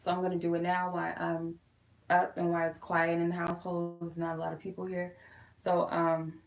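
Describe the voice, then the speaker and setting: A woman with a fairly low, gravelly, monotone voice talks a little fast while giving a casual tarot reading on a live stream from a quiet room at home. She chats informally with viewers, calling them "you guys," and the echoey room carries a little hiss or hum.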